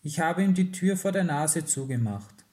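A man's voice: on the high side, expressive, moderate pace, darkish tone, pitched above the performer's own voice, close to an everyday voice. A man voicing a startled, flustered teenage girl in a read-aloud story.

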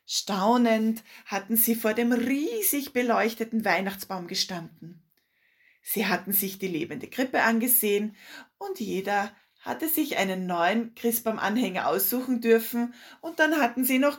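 Female storybook narrator, husky, mid-pitched, calm expressive reading.

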